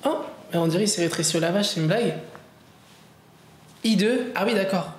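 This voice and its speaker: A man's voice: high-pitched, a little fast. Chatty male streamer in a roomy space. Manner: chatty, reacting playfully to viewers' comments. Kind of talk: casual live-stream chat. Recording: roomy echo, faint background noise.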